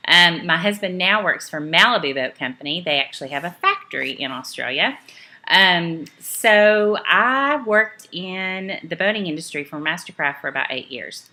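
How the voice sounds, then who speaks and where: Speaking in a low, bright and forceful voice, a middle-aged East Tennessee woman with a Southern accent trains her direct sales team by home video, keeping it upbeat and chatty while often saying "um" and correcting herself.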